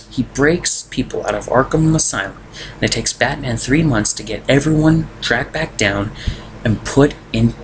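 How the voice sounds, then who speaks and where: A man's voice: mid-range voice, rough recording. A young man casually reviewing a film from a room at home, exasperated and ranting. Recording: noticeable background noise.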